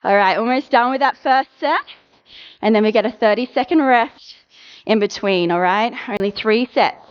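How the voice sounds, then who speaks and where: Upbeat woman workout coach, higher voice, dull lo-fi recording, counts down reps. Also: smooth. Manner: encouraging, brisk coaching with countdowns. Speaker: fitness instructor. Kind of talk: live workout cueing.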